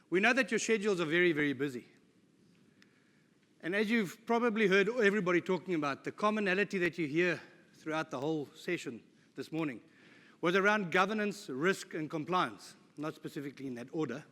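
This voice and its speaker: At a conference, a middle-aged South African man gives a presentation in a jokey, informal style, tossing in self-deprecating asides. His voice is bright, forceful and slightly high, and the live recording carries a long reverb from a large hall.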